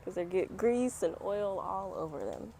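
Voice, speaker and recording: A woman with a warm, creaky, mid-range voice reads a picture book to young viewers at a measured pace and with lively intonation, breaking in with chatty encouragement. She's recorded outside on a fall day, and the poor audio picks up outdoor noise and passing vehicles.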